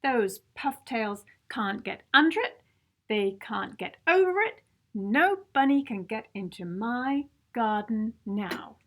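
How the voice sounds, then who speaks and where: A woman's voice: a little high, animated, slow pace. A woman reading as a grumbling, boastful male gardener in a children's storybook, making emphatic, self-satisfied declarations. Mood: snorting, defiant.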